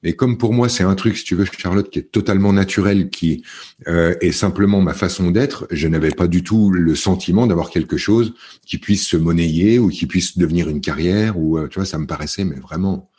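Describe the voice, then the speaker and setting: A deep-voiced middle-aged man from France talks as a podcast guest, in a husky, mellow tone. He speaks in a casual, halting way, full of fillers and restarts as he tells his story. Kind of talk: casual interview chat.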